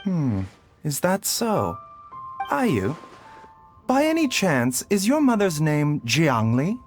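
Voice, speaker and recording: Courteous, soothing male physician, hugely varied pitch, video game dialogue over music. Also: huge pitch swings, exaggerated voice. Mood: thoughtful. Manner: polite, measured, soothing. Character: courteous, gentle, composed gentleman physician. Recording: music behind the voice.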